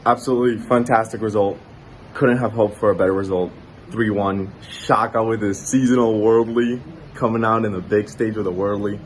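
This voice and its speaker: A man's voice: lowish voice, steady tone, moderate pace, rough recording. A man from Brazil giving a casual self-recorded reaction as a football fan. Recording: background noise, ambient sound.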